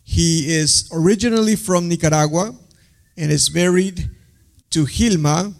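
A young man hosting an interview, his voice sitting fairly high but with a gravelly, creaky edge. He moves through guest introductions with plenty of small hesitations and fillers. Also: a little slow. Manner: reads introductions with frequent uh fillers. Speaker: host.

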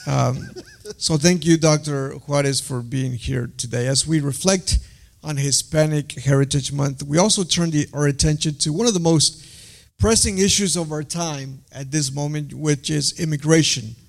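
Young male host, raised pitch, gravelly fry; reads intros with lots of uh fillers. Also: fairly even intonation, moderate pace. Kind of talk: panel interview introduction.

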